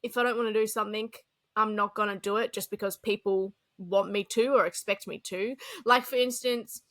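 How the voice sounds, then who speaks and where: A woman, co-hosting a podcast in casual chat, animated and chatty with frequent laughs. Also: medium pitch, brisk. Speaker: podcast co-host.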